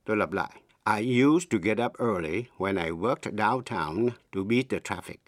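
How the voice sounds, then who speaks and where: A middle-aged man teaching English in Vietnamese, a native Vietnamese speaker who explains slowly and spells words out letter by letter. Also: fairly low pitch, lively intonation, no echo, studio quality. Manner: slow, deliberate, spells words letter by letter and repeats examples.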